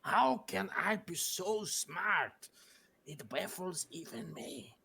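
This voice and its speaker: A man voicing a big, self-satisfied Goliath man who is proud of his own cleverness, talking in a slow, smug drawl. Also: high voice, animated, creaky, sharp tone, voice pushed up, heavily acted.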